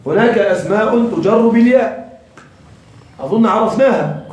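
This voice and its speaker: A man's voice: high-pitched, lively intonation, normal speed, a little mellow, muffled recording. A man teaching a classroom grammar lesson, quizzing his students and repeating their answers. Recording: very echoey room, voice from far off.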